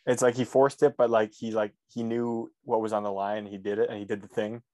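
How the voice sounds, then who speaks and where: A man co-hosting a podcast with a fairly low voice, trading sarcastic jokes and casual swearing. The recording is dry and close, with no room sound at all. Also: flat delivery, a little fast, a little mellow, dry recording. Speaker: podcast co-host.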